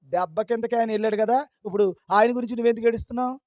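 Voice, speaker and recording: A man's voice: extremely high pitch, fairly even intonation, rapid-fire, darkish tone, no echo. A man preaching a sermon, scolding his listeners with a stream of rhetorical questions.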